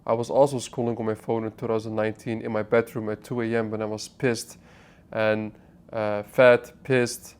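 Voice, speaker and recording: A Dutch-raised online business vlogger in his twenties gives an unscripted, casual motivational talk to camera in his apartment. He is blunt, curses, restarts mid-sentence and addresses the viewer directly. His smooth, lowish voice moves at normal speed with little pitch movement.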